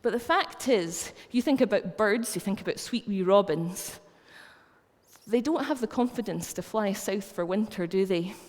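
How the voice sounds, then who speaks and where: A Scottish woman delivers a sermon in a relaxed, conversational manner and works anecdotes in as she goes. Her mid-range voice rings out with the long reverb of a church. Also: medium pitch, moderate pace. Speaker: preacher. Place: church hall.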